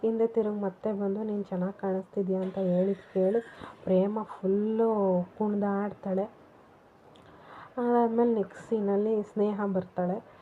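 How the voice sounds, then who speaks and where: A woman speaking at medium pitch and a moderate pace, with little rise or fall, casually recounts an episode of a TV serial. She acts out the scenes, quoting each character's lines as she goes. The audio is tinny and phone-like with faint noise.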